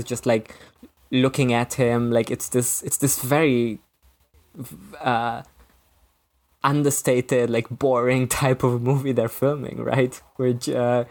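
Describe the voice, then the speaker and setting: A man's voice: mid-range voice, darkish tone. A man co-hosting a podcast, talking casually about a film and piling up filler words and restarts as he works through his thoughts. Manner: rambling, many filler "like"s and restarts. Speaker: podcast co-host.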